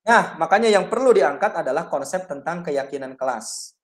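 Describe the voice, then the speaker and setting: A man's voice: a little high, normal speed, roomy sound. A man presenting an online teacher-training webinar, talking straight to his listeners and acting out sample teacher lines. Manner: lively, addresses listeners directly, acts out sample teacher lines.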